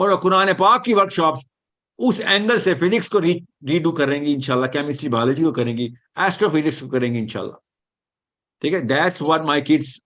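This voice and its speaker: A man leads an animated question-and-answer session. His voice sits slightly high, and he drives points home emphatically, weaving English phrases into his talk. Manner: emphatic, switches often into English, repeats reassurances. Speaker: lecturer answering audience questions.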